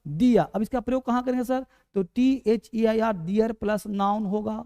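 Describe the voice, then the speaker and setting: A man's voice: high-pitched, steady tone, moderate pace, dark tone, clear, resonant tone. Hindi-accented man drilling English sounds. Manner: repetitive, drills pronunciation aloud. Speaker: English teacher. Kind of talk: online spoken-English class.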